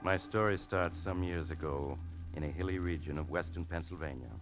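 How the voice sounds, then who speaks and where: An actor playing a sinister, suave mystery storyteller in a 1940s radio drama, theatrical, measured and ominous. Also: male voice, sits low, natural voice. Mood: hushed, ominous. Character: sinister, suave mysterious male storyteller, genial but macabre. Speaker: host-narrator of radio mystery. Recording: muffled, noisy old radio broadcast with music.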